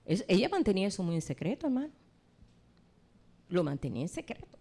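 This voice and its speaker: A woman's voice: mid-range voice, big pitch swings, fairly quick, mellow. A woman preacher giving a sermon, retelling a scripture story and addressing the congregation directly.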